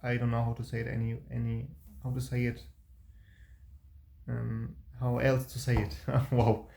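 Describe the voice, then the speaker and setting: A man's voice: medium pitch, monotone, a little slow, creaky, darkish tone. A young man talking through his past in a rambling, hesitant monologue, restarting often. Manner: rambling and hesitant, with many restarts and broken grammar. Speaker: vlogger. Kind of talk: personal reflective monologue. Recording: roomy echo.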